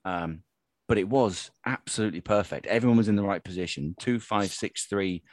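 A man's voice: lowish voice, fairly quick. A man chatting casually as a panellist on a football podcast, bantering and repeating himself for emphasis.

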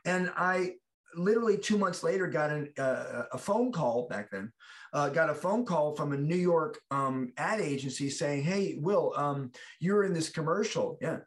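With a fairly high, animated voice and moderate pace, a middle-aged actor from the United States chats as a guest about his career. His stories ramble, restart, and feature quotes he acts out.

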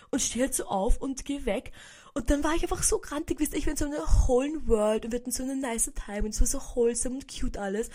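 A woman's voice: on the high side, darkish tone. A young woman with a Viennese accent, telling a story in a casual podcast monologue, chatty, addressing her listeners directly and sprinkling in English slang. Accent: Viennese Austrian German. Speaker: podcast host.

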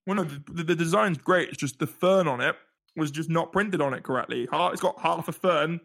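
Excitable man stammering. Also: a little high, a little fast, gravelly. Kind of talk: casual chat.

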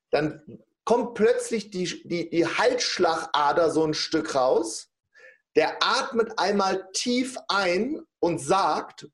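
A middle-aged man telling a personal story in casual conversation, acting out the people he quotes. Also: high-pitched. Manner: lively storyteller, acts out quoted speech. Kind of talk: personal anecdote in casual talk.

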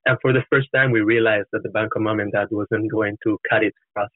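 This podcast guest, a startup co-founder in his twenties with an Italian accent, is from Florence, Italy. Talking fast in a lowish, steady voice, he gives earnest, explanatory answers to interview questions. The recording has a roomy, narrow, muffled, call-like sound.

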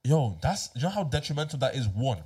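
Low-pitched young man talking emphatically. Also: very animated, fairly quick, dark tone, breathy edge. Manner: emphatic, repetitive, often checking listeners follow. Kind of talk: casual discussion.

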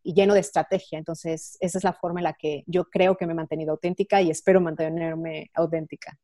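A woman's voice: low voice, fairly even intonation, quick pace, dark tone, no echo, clean studio sound. A woman guest in a casual chat who speaks earnestly and sincerely.

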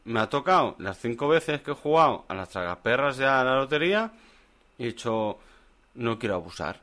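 A man's voice: medium pitch, very animated, normal speed, bright, forceful tone. Man, podcast co-host, joking rambling anecdotes, live bar audience. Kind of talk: casual chat before a live audience.

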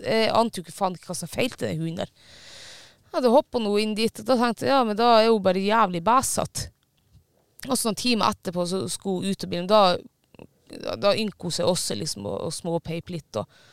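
A man with a high voice tells his story in casual conversation, now and then swearing and getting stuck on fillers. His tone is clear and smooth, underlaid by a gravelly fry. It's recorded dry and close, with no echo.

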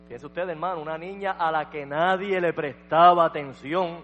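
A man's voice: fairly high pitch, steady tone, normal speed, a bit bright, big-room sound. A male pastor preaching a sermon, telling a story dramatically and dropping in frequent amens.

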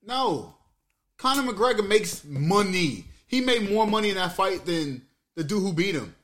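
A man co-hosting a casual podcast, with a voice sitting a little high for a man. He talks loud and animated, heavy on slang and swearing. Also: a little slow. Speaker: podcast co-host. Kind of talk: casual chat.

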